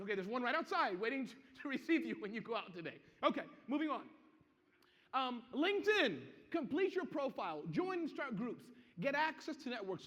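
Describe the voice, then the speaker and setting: A man giving an interactive business seminar to a live audience, energetic and constantly checking that people follow him. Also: extremely high pitch. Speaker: seminar presenter. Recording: muffled, echoey hall.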